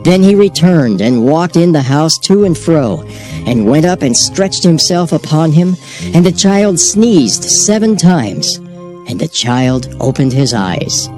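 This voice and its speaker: A man narrates scripture in a measured, solemn way. His voice sits a touch high and moves a lot in pitch. Clear background music plays throughout. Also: sing-song, a little mellow. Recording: music bed behind voice.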